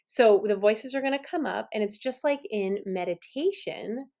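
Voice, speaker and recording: A middle-aged woman teaching songwriting in a relaxed, chatty way, encouraging and laughing at herself. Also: mid-range voice, moderate pace, creaky. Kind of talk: relaxed instructional talk to camera.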